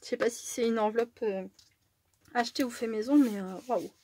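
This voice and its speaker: A woman chatting casually in a craft vlog as she opens fan mail, rambling and correcting herself, giggling often and sometimes dropping to a hush. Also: fairly high pitch, fairly quick.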